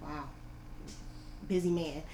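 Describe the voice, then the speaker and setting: A woman interviewing a guest, brisk and upbeat, with quick short replies. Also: deep voice, steady tone, roomy sound, crowd noise, poor audio. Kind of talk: casual interview.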